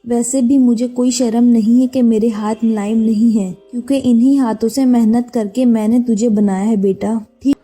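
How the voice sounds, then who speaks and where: Woman voicing humble, proud older village mother-in-law; dark, husky tone over faint music. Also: a little high, fairly even intonation, normal speed, few pauses. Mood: gentle. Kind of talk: voiced storybook drama.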